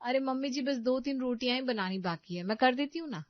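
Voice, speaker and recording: A woman's voice: high voice, expressive, fairly quick, no echo. A woman voicing a put-upon young daughter-in-law in a cartoon story, polite and meek, on dull, dry audio.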